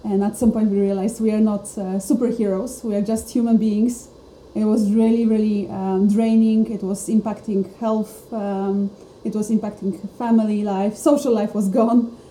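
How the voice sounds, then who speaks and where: Faint noise and a roomy acoustic frame this casual podcast chat, where a Polish woman, co-founder of a startup, speaks in an earnest, reflective way. Her mellow, medium-pitched voice is flat and runs at normal speed with hardly any pauses.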